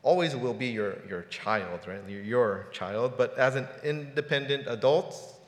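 Speaking at a measured pace with lively intonation and medium pitch, this forty-something pastor preaches in a relaxed, conversational manner, frequently repeating words. He's in a church sanctuary, and the hall's reverb makes the sound roomy.

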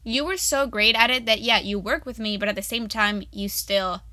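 A woman's voice: fairly high pitch, moderate pace, pushed and bright, no echo. A young woman co-hosting a student podcast, chatting in a bubbly, gushing way full of fillers. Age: young adult. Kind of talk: casual chat.

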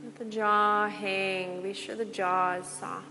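A woman teaching yoga, giving slow, gentle relaxation cues with long pauses. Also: mid-range voice, level tone. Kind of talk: guided relaxation instruction. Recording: long reverb with soft music.

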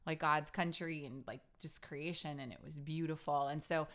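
A woman with a fairly low voice co-hosts a casual couple podcast. She chats freely, fills her talk with "like" and giggles often. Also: steady tone, normal speed, a bit bright. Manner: chatty, giggly, lots of "like". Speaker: podcast co-host.

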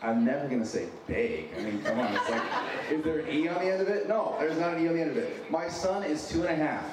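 A fast-talking man with a higher-pitched voice gives a relaxed, sincere sermon, teasing himself and repeating phrases for emphasis. In his thirties, he's an American born in San Diego and raised in Wyoming, with an accent lightly touched by Minnesota. The noisy, strongly echoing hall with its audience is captured from a distance.

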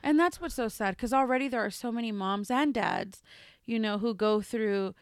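A woman's voice: a little high, normal speed, clear, resonant tone, no room sound, studio quality. A woman in her thirties co-hosting a podcast, telling stories animatedly and acting out what people said. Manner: animated storytelling, acts out quotes. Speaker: podcast co-host. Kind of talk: casual chat.

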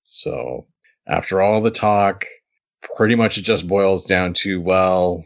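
A man's voice: low voice, steady tone, slow pace. A man co-hosting a podcast, chatting casually as he recaps an episode, laughing often and restarting his sentences. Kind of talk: casual chat.

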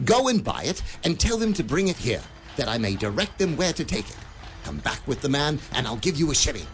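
An actor playing Scrooge, an elderly miser turned giddy and generous, laughing and lively in a radio play. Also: male voice, on the high side, fairly quick, slight background noise. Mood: joyful. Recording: studio radio drama with faint music.

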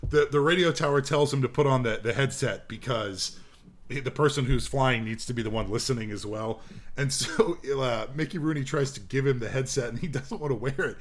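A man in his twenties, co-hosting a casual podcast chat and telling stories with lots of laughter. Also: fairly quick. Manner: animated storyteller, laughs often, acts out lines in a high voice. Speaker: podcast co-host. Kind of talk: casual chat about an old movie.

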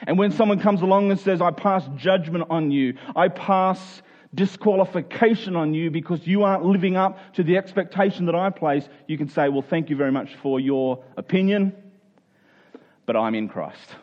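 A man with a high-sitting voice preaches at a moderate pace, earnest and exhorting, hammering short phrases home by repeating them. The sermon includes scripture reading and prayer, and the highs in the audio are cut off.

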